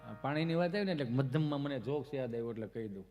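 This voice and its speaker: A man telling comic stories on stage, chatty and anecdotal, acting out the other people's voices and breaking into loud chanted verse. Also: medium pitch, expressive, racing, highs cut off, soft background music. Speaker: folk comedian and storyteller. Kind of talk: Gujarati comic storytelling on stage.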